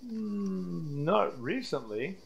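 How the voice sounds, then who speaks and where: Joking dad on gaming voice chat. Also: male voice, high voice, sing-song, extremely slow, gravelly, lo-fi sound, slight background noise. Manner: joking, teasing. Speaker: parent. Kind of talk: casual voice chat.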